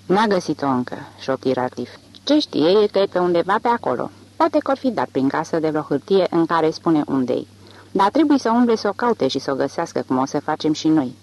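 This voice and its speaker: An audiobook reader voicing a tense grown man who whispers insistently in the dark. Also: mid-range voice, big pitch swings, highs cut off. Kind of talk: audiobook reading.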